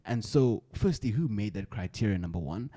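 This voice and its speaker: Low-voiced young South African man, podcast host. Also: lively intonation, moderate pace, warm tone, dry recording. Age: young adult. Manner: slangy, repeats phrases. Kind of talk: casual chat.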